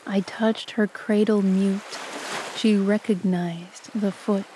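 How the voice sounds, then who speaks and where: A woman reads poetry softly and calmly for sleep, her delivery unhurried and nearly level in pitch. Her voice sits over a clearly audible bed of ocean ambience. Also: noisy background. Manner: soft, calm and even. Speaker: sleep story narrator. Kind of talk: soft, slow poetry reading for sleep.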